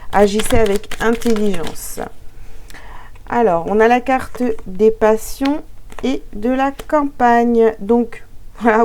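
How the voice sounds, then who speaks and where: A woman's voice: mid-range voice, warm tone, clean tone. Female card-reading coach; casual, hesitant delivery, talks straight to viewers. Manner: hesitant, many filler sounds, giggly asides. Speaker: coach reading oracle cards.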